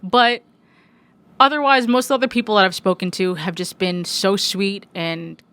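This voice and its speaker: A woman's voice: medium pitch, steady tone, moderate pace, fairly bright tone, clear, resonant tone. A woman in her twenties, a music journalist guest, talking casually and animatedly with frequent restarts and swearing. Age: 20s. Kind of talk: casual podcast conversation.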